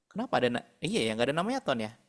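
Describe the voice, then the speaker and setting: Man, math tutor, patient, thinks out loud, video call. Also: mid-range voice, big pitch swings, rapid-fire. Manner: patient, talks through problems aloud. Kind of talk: online math lesson.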